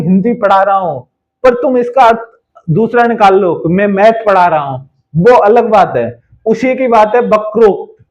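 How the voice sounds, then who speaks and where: A man teaching Hindi grammar to an online class, explaining slowly and repeating key terms as he checks that students follow. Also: sits high, highs cut off.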